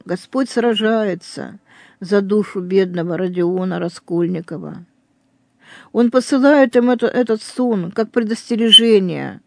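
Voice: mid-range voice, vocal fry, a little mellow. A reader retelling a novel with earnest, emphatic religious commentary.

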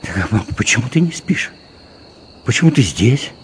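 A man reading a story voices a worried father speaking softly and tenderly to his small son. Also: mid-range voice, big pitch swings, moderate pace, vocal fry, a little hiss or hum, voice pushed up. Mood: worried, hushed. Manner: hushed, tender questioning. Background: background music.

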